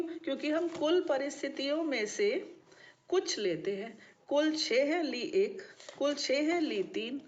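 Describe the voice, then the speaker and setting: A woman's voice: a little high, a little mellow. A woman teaching a maths lesson to students, often checking that they have understood. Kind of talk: classroom lecture. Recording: dull lo-fi recording.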